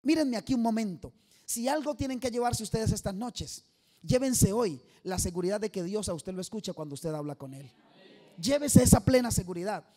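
A man's voice: high voice, lively intonation, normal speed, mellow. A man preaching an evangelistic sermon to a congregation, emphatic and quizzing the listeners for answers. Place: church service before a live audience.

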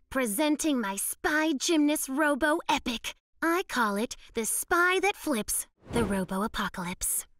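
A woman's voice: high-pitched, full character voice. A woman voicing an eager, flustered young female yeti in a cartoon, talking to herself and sighing. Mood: excited. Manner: animated, sighing, talks to herself. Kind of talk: cartoon voice acting.

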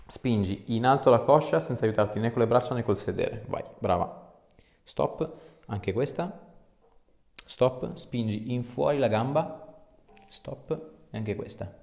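An osteopath chats casually with a patient during a hands-on exam, giving short, reassuring instructions in a medium-pitched, darkish voice with vocal fry, a measured pace and long pauses. A small mic clipped to his scrub top captures the echo of the small indoor treatment room.

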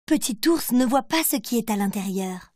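A woman narrating a children's cartoon in simple, gentle scripted storybook reading. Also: a little high, lively intonation, normal speed, no echo, studio quality.

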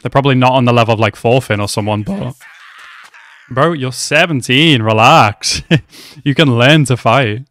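Here a young man uses a headset mic in a small room at home to react casually to an anime episode. He has a mid-range voice, a moderate pace and a slightly bright sound. He's talkative, swears plenty and calls the characters bro.

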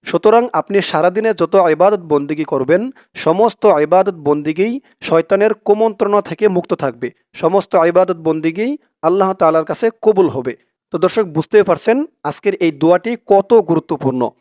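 A man teaching a prayer syllable by syllable, speaking slowly and patiently and drawing out each recited word. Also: high-pitched, a little mellow, no room sound, clean studio sound. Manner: slow, patient, spells out each syllable and recites Arabic drawn out. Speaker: religious teacher.

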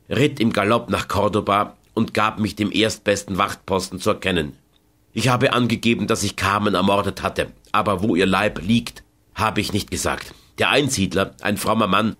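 A man narrating an audiobook in the first person, with measured, dramatic storytelling. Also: fairly low pitch, fairly bright tone.

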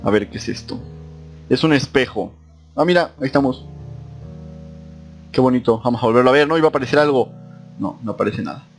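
A young man commentating a horror game, reading on-screen text aloud and jumping to high-pitched exclamations. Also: fairly quick, pauses often, soft background music. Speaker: gaming YouTuber.

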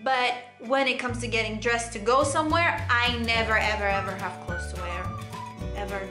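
A young woman from Cyprus with a Greek Cypriot accent, chatting casually to camera in an animated, laughing way from a bedroom. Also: on the high side, normal speed. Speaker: vlogger. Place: bedroom, indoors. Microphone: camera in front, close framing. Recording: echoey room with faint music.

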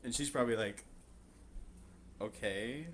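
A man's voice: mid-range voice, expressive, brisk, a little hiss or hum. A man chatting casually and off the cuff as a prank caller. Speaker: prank caller and video host. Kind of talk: casual improvised chat.

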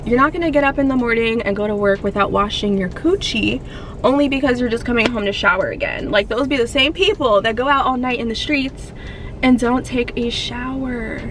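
A young woman in a fitness vlog, talking bluntly and in an animated way, recorded from the dashboard of a parked car. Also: mid-range voice, slight background noise. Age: young adult. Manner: blunt, animated, sassy, gestures while talking. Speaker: fitness vlogger. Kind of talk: casual chatty vlog. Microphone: camera on the dashboard.

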